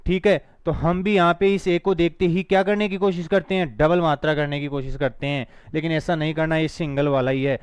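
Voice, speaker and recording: A man's voice: on the high side, steady tone, smooth, dry recording. A man teaching an online phonetics lesson, spelling words out letter by letter and firmly urging students to repeat after him. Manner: drills words slowly, spelling them out letter by letter; firm, teacherly, urges students to repeat along. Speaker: spoken English teacher.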